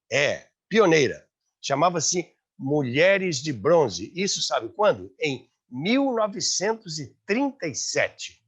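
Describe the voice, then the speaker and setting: With a slightly high, breathy voice, a Brazilian man hosts and narrates a scripted radio history documentary. He phrases things emphatically and dramatically over background music, and the audio sounds slightly dull.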